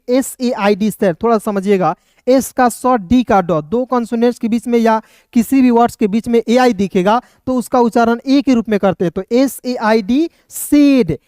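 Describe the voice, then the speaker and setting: A man's voice: very high-pitched, a little mellow, clear, resonant tone, no room sound, clean studio sound. A man teaching English pronunciation, spelling words out letter by letter and often calling his viewers friends.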